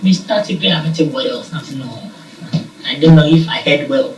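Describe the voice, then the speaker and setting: A man, a musician guest, chatting casually in an interview. He talks in an animated way, laughs often and breaks into shouts when excited. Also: a little high, moderate pace, a crowd in the background. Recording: roomy, from a distance, noisy background.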